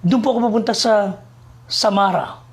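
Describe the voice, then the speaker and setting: A man's voice: high-pitched, moderate pace. A man voicing a frightened servant who begs his master to let him flee. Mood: pleading. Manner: pleading, frightened. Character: terrified male servant begging to flee.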